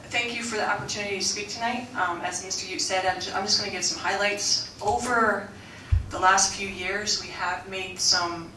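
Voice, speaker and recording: Presenting formally at a school board meeting, a woman reins in her loud coach's voice, speaking earnestly with frequent restarts and fillers. Her medium-pitched delivery is fairly even and moderately paced. A distant room mic captures the echoey meeting room and slight background noise.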